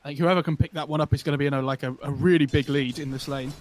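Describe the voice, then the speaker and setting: Fast-talking esports analyst. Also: male voice, fairly high pitch, fairly even intonation, slight background noise. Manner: rapid, rambling analysis with self-corrections. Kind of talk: color commentary.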